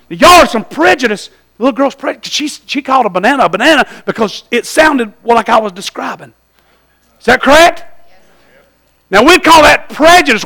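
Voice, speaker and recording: Preaching an evangelistic sermon, a man with a Southern US accent exhorts his listeners in a folksy way, posing questions to them and repeating phrases for emphasis. His voice is very high, gravelly, and sharp.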